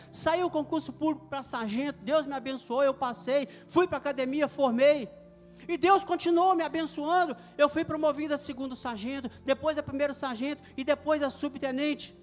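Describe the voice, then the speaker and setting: Middle-aged male preacher, very high voice, fervent sermon delivery in an echoey hall with music under. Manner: fervent, swelling to loud declarations.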